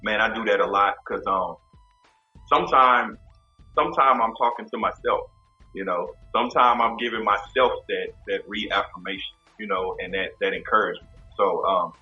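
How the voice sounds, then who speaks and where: A man in his fifties from Kansas City, Missouri, speaking as a guest in a casual interview in a relaxed, reflective way, often repeating words as he thinks. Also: fairly low pitch, normal speed, highs cut off, faint music behind. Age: 50s. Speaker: podcast host as guest.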